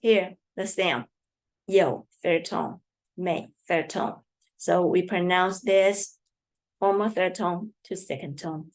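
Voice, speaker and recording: Woman teaching chinese in english, super slow and patient, repeats stuff for learners, mandarin is her first language. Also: on the low side, steady tone. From Taiwan. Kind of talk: slow language lesson explanation.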